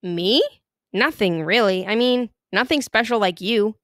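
A woman's voice: mid-range voice, unhurried, fairly bright tone, no echo, studio quality, close to an everyday voice. A woman reading aloud as an unsure teenage boy who answers hesitantly. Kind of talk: audiobook character reading.

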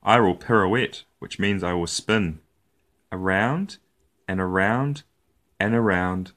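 A man with a low-pitched voice reads a picture book aloud to young children, telling the story expressively with deliberate, playful phrasing.

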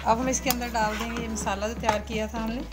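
A woman calmly explaining a home recipe step by step as a cooking voice-over. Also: a little high, fast. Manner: calm, instructive, walks through each step. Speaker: cooking channel host. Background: background music and sizzling pan.

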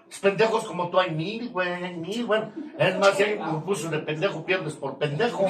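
A crowd murmurs behind this older Mexican-accented man as he speaks at a moderate pace in a high-sitting voice. He gives crude, mocking, confrontational testimony to a recovery group, swearing constantly and laughing at his own jabs. The room echoes, the mic is distant, and there's faint noise.

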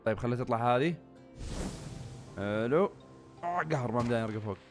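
A young man giving excited, chatty gameplay commentary straight to his viewers. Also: medium pitch, fast talker, over music. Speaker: gaming YouTuber.

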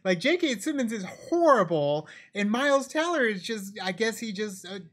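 A man's voice: high voice, sing-song, normal speed, a bit bright. A man co-hosting a movie reaction, chatting casually and thinking aloud with many restarts. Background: faint movie soundtrack.

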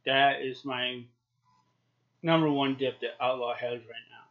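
A man in his forties, a YouTube product reviewer, gives a casual, chatty review to camera from a small home office, talking around a lip full of dip. His mid-range voice has fairly even intonation and a measured pace. The webcam audio sounds dull and lo-fi.

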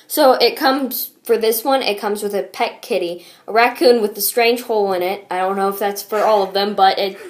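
A young woman hosts an amateur unboxing video from a small bathroom, joking playfully and mock-dramatically. Her medium-pitched voice runs at normal speed with hardly any pauses, captured by a tablet's built-in mic with plenty of bathroom echo.

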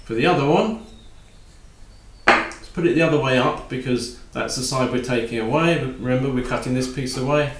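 Calm man teaching woodworking, echoey room. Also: medium pitch, normal speed, very noisy. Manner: calm, practical, talks while working. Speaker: woodworking instructor. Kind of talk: step-by-step workshop tutorial. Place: home workshop at a workbench.

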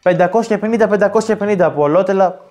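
A man's voice: high-pitched, mellow, close to an everyday voice. A man playing a desperate job seeker in a comedy sketch, protesting each new demand. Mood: exasperated. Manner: protesting, increasingly exasperated. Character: desperate, put-upon male job seeker.

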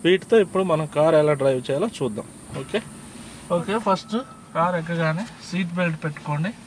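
A man's voice: on the high side, fast, slight background noise. A man with a Telugu accent patiently explains car controls step by step from inside a parked car, recorded on a handheld phone. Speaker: driving instructor. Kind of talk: casual how-to explanation.

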